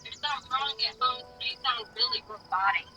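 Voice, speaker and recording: A woman's voice: on the high side, brisk, music in the background. A woman calling in over a phone on speaker, her voice sounding tinny and metallic as she talks in short, matter-of-fact phrases. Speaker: caller on the phone.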